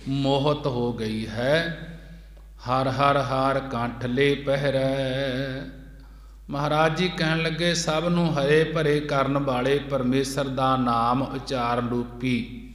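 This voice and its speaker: ਹਾਲ ਵਿੱਚ ਗੂੰਜਦੀ ਆਵਾਜ਼ ਵਾਲਾ ਹੌਲੀ ਬੋਲਦਾ ਕਥਾਵਾਚਕ ਆਦਮੀ. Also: male voice, mid-range voice, fairly bright tone. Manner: slow, measured, repeats each line twice. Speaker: Sikh preacher. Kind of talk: scripture exposition, chanting verses then explaining. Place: gurdwara hall. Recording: echoey hall with long reverb.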